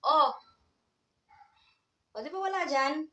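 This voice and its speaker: A woman's voice: high voice, animated, slow pace, bright, forceful tone, reverberant, far from the mic, lo-fi sound. A woman vlogging at home, talking playfully to her cat and laughing often. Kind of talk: casual vlog chat with her cat. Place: indoors at home, in a bedroom.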